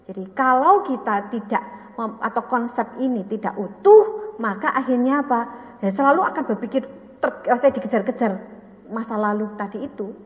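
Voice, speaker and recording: Higher-voiced woman preaching in an echoing hall. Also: normal speed. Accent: Indonesian. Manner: animated storytelling, acts out dialogue. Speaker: evangelist speaker at a staff retreat. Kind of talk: teaching sermon with personal story. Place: retreat hall. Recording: roomy hall with long reverb.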